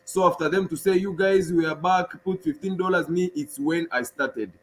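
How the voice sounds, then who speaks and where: A man's voice: on the high side, normal speed, fairly bright tone. A man from Tanzania, a guest on a casual live-stream chat, explaining step by step while showing his screen on a video call.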